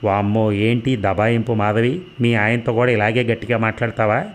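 Male reader playing a flustered actor in a novel reading, stumbling apologies, low register. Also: little pitch movement, normal speed, natural voice. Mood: evasive.

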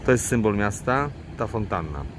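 A man vlogging while he films a lakeside city park, talking in a flat, unenthusiastic way with dry humor. He holds the camera himself. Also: fairly low pitch, moderate pace. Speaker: travel vlogger and guide. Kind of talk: casual vlog commentary while filming. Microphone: handheld camera mic, speaker off screen. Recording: outdoor camera audio with traffic noise. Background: city traffic and boat noise.

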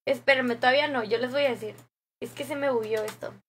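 A young woman with a Mexican accent hosts a live stream, talking casually into a desk microphone. Her voice sits high, and she chats loosely with viewers and reads their comments aloud. She laughs often as she talks. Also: fairly even intonation, fast talker, a little hiss or hum.

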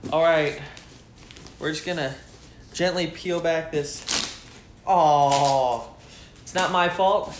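An enthusiastic young man talks casually to the camera while unboxing gear on his couch, thinking aloud as he goes. His voice sits a bit high. The living room sounds echoey, with a faint hiss underneath. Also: fairly even intonation, slow pace, long pauses. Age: young adult. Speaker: tech vlogger.

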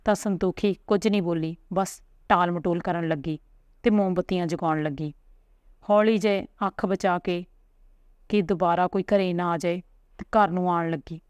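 A woman narrating a serialized family story with a steady, earnest reading. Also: on the low side, normal speed, clear, resonant tone, no echo.

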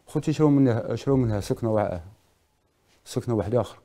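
A man's voice: mid-range voice, very fast, warm tone. A middle-aged man with an Algerian accent, a talk show guest recounting a personal grievance in clipped, repetitive, stumbling phrases. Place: TV studio.

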